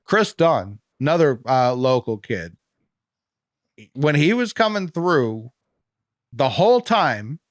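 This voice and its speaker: Animated man on a dry sports podcast. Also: mid-range voice, slow pace, long pauses, dry recording. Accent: Boston. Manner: animated, swears casually, lots of restarts. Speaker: podcast host. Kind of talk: casual sports podcast chat.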